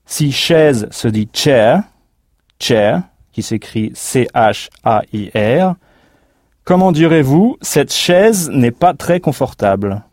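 A man's voice: mid-range voice, animated, slow pace, darkish tone, no echo, clean studio sound. A man teaching in a recorded language course, explaining patiently and spelling words out letter by letter. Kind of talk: recorded language lesson narration.

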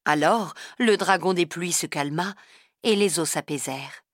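A woman narrating a children's story in a calm, even storybook manner. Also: lowish voice, moderate pace, dry recording, studio quality.

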